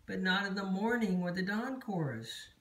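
A reader voicing an eager young male songbird in a read-aloud storybook, with a bright, earnest way of asking. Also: mid-range voice, lively intonation, normal speed, echoey room, recorded from a distance, pitched above the performer's own voice. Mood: wistful.

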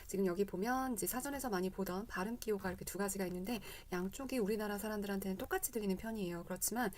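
A fast-talking woman from South Korea gives a casual pronunciation lesson. Her voice sits at a middle pitch, and she repeats short English words over and over as drills.

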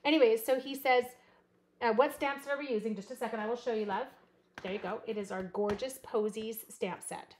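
A Canadian woman hosts a live card-making stream from her craft room desk, chatting, cutting, and reading chat comments aloud in a rambling, animated way. Her voice is a little high and fairly quick, with slight background noise.

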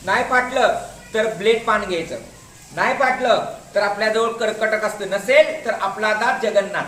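A man's voice: very high voice, pushed and bright. A male school teacher patiently demonstrating a craft to his class, repeating each step and calling the pupils to watch. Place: echoey classroom. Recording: roomy classroom echo.

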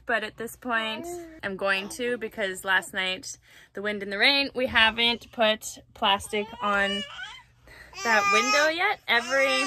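A woman in her thirties, a mother who vlogs about family life, chats playfully to a handheld camera about her daily chores, poking fun at herself. Her voice is fairly high, pushed and bright. The camera or phone is held at arm's length, and background noise comes through clearly.

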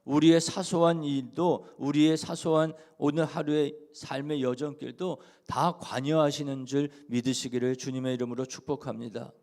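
A man preaching a dawn prayer sermon as pastor, swinging from soft asides to loud emphatic peaks and voicing the figures he quotes. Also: mid-range voice, steady tone, normal speed, hardly any pauses. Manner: voices scripture figures in direct speech.

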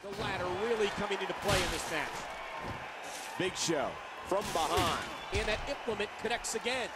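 A man's voice: high-pitched, normal speed, natural voice. A man voicing a male wrestling play-by-play announcer in a video game, calling each blow with emphatic, dramatic commentary. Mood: excited. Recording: video game audio under loud game noise.

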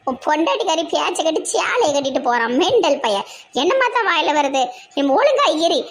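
A woman's voice: extremely high pitch, sing-song, fairly quick, a little hiss or hum, heavily acted. A woman playing a melodramatic, self-pitying old grandmother in a comedy skit, with a Tirunelveli Tamil accent. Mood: scolding. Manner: wailing, scolding, melodramatic.

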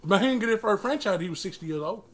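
A man, giving an emphatic, preacher-like motivational talk with dramatic pauses while chewing food. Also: high-pitched, animated. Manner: chewing and eating while talking. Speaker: mukbang eating-show host. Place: small indoor room.

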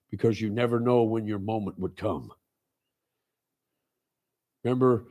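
A pastor in his sixties preaching a sermon in a small church, stressing repeated phrases and swinging between loud and low. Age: 60s. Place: small church sanctuary, indoors.

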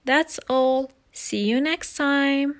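A woman teaching young children English over slides, slow and patient, repeating each word. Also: sits high, steady tone. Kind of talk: recorded slide lesson for children.

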